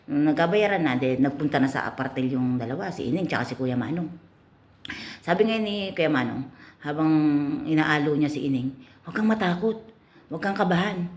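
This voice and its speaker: A woman's voice: low voice, expressive, a little fast, a little mellow. A woman host telling a joke in a folksy, casual way, often adding little tag phrases.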